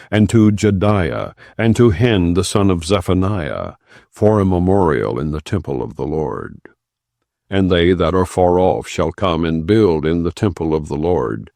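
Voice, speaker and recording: This audiobook narrator, a man, delivers scripture solemnly and without acting it out, using careful, measured phrasing with pauses between clauses. The recording is clean studio audio with no echo, and his low voice is a little mellow with some vocal fry.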